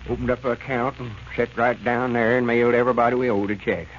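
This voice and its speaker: A man's voice: medium pitch, flat delivery, quick pace, natural voice. An actor playing a self-assured older Southern country businessman who explains things in a folksy way in a 1930s radio comedy. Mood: matter-of-fact. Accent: rural Southern US. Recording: muffled, noisy 1930s radio recording.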